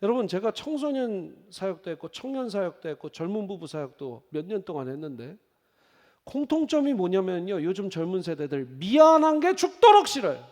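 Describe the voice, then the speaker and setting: High, lively male pastor in a reverberant hall. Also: a little fast. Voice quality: lively storytelling with quoted voices. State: on crutches after leg surgery. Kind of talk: sermon. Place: church sanctuary.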